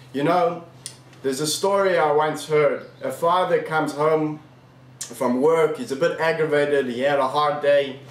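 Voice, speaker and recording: A man giving a weekly sermon message as a rabbi, telling stories earnestly with emphatic pauses. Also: mid-range voice. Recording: echoey room, mic far off.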